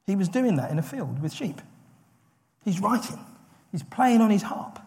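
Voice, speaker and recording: A man preaching a sermon in an animated way, acting out quoted lines with rising intensity. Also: high voice, normal speed, vocal fry, husky.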